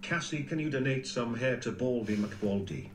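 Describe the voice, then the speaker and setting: A man's voice: mid-range voice, moderate pace. A synthetic male text-to-speech voice reading out stream donation messages. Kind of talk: flat read-out of stream messages. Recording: echoey speaker playback with faint noise.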